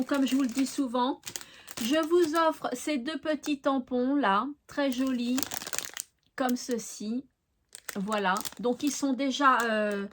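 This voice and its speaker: Woman, craft vlog host, chatty, fond, high voice, lots of fillers. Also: a little hiss or hum. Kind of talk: chatty giveaway presentation.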